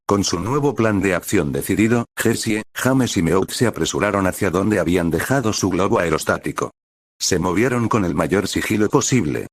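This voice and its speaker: A man narrating a story in a steady, even storytelling manner. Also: low voice, no echo, clean studio sound.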